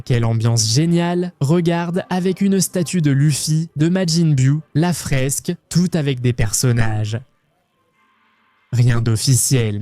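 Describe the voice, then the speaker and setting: A man from Argentina hosting a travel vlog, talking in an excitable, playful, jokey way. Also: mid-range voice, dry recording. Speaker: travel vlogger host.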